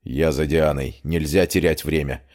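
A man voicing a shaken young male friend in a fantasy audiobook, speaking low, hushed and grim. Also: fairly even intonation, normal speed.

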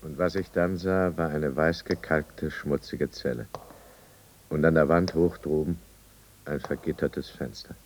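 In a 1950s German radio drama, an actor plays a desperate drunkard businessman, besotted and blustering, who later becomes a remorseful narrator. His voice is rumbling low, steady in tone and unhurried, with a bleak, remorseful mood. There is slight background noise.

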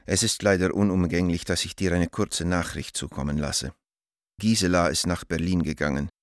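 A man acts the part of an anguished middle-aged letter writer in a radio drama, beseeching an old friend in formal, grave, measured and urgent phrases with a worried air. His very low, natural voice keeps fairly even intonation and is recorded close and dry with no room sound.

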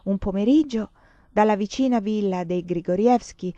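A woman's voice: mid-range voice, moderate pace, dark tone, dry recording. Woman reading a novel aloud, dry and dull. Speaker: reader.

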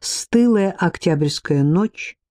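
A man reading an audiobook aloud in a measured, unhurried way, lowering his voice for the characters' dialogue. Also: animated, dark tone, no echo, clean studio sound. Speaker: narrator. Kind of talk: audiobook narration.

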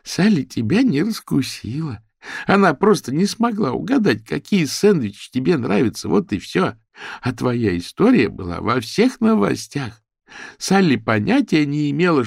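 A man's voice: fairly high pitch, big pitch swings, moderate pace, vocal fry, a little mellow, husky, no echo, clean studio sound, voice pushed up, full character voice. A man voicing an indignant older woman who scolds sharply. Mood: outraged.

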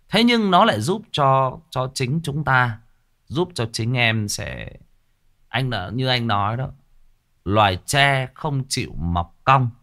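A man giving blunt big-brother advice in a casual livestream, animated and sometimes mocking. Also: medium pitch. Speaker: streamer giving life advice.

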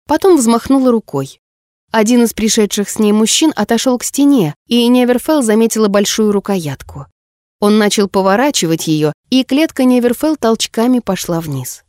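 A woman narrating a story in a measured, expressive audiobook reading. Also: on the high side, no room sound, clean studio sound.

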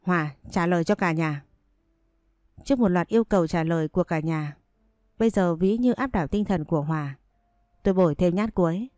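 Calm low-voiced woman storyteller. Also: fast talker, no echo, studio quality. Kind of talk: first-person story narration.

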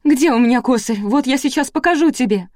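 A woman reading aloud, voicing a furious jealous farm wife who shouts threats. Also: high-pitched, a little fast, no room sound, clean studio sound, pitched above the performer's own voice, lightly acted.

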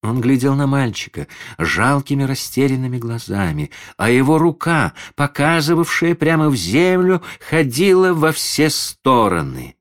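Slow, lively-voiced male storyteller. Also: mid-range voice. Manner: measured, theatrical storytelling. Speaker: audiobook narrator. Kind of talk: expressive reading of a classic story.

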